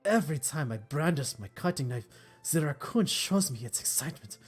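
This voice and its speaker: Woman as a timid literary girl, deep mock-German voice, husky and slow. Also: animated, faint music behind, heavily acted. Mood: brooding. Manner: timid, halting, hushed. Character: shy bookish young woman with a put-on German voice.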